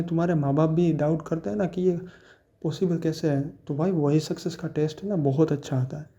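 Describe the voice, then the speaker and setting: A man's voice: a little high, mellow. A young man giving a casual, earnest motivational talk, rambling with restarts and addressing the listener as brother. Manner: addresses listener as brother, mixes in English words. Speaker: motivational speaker.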